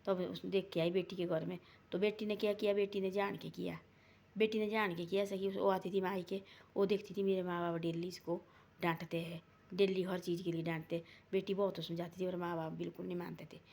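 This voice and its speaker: A woman's voice: lowish voice, little pitch movement, fairly quick, mellow. A woman telling a family folk story in a casual, rambling way, repeating herself and acting out the dialogue. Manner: rambling, repetitive retelling with quoted dialogue.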